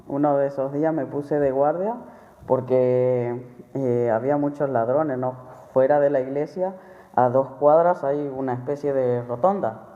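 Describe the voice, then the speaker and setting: Guy preaching a testimony, keeps repeating himself, tinny phone-like audio with long reverb. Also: fairly high pitch. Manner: conversational, repeats phrases, frequent tag questions. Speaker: church member preaching. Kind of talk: sermon testimony.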